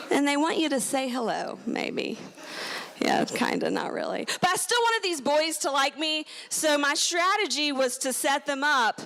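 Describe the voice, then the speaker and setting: A woman in her thirties doing a stand-up comedy set on stage, self-deprecating with deadpan punchlines and playful voiced quotes. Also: high voice. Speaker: stand-up comedian and show host. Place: comedy stage with live audience.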